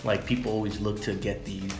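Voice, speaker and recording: A man's voice: on the low side, level tone, a little fast, a little mellow, echoey room, soft background music. Laid-back man chatting about snacks. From Los Angeles area. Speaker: vlog co-host. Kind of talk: casual food tasting chat.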